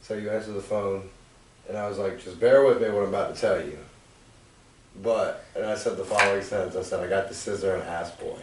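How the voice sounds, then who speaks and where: Animated, cussing man host, echoey room. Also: low voice, brisk, a little hiss or hum. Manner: animated storyteller, acts out quotes loudly, swears casually. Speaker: podcast host. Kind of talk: casual chat, storytelling. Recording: echoey room, far from mic.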